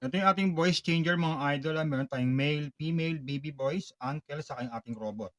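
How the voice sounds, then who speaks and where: A man giving a product walkthrough tutorial, polite and explanatory, pausing now and then on fillers. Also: on the high side, dry recording. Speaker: product demonstrator.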